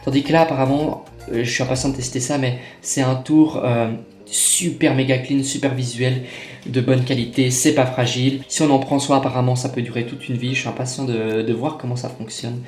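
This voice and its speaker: This is a casual unboxing chat from a young magic vlogger at a table, captured with a camera on a tripod in a reverberant room with faint background music. He talks a little fast with a flat delivery, his middle-pitched voice slightly mellow. His speech is chatty and loose, packed with fillers, restarts and self-corrections.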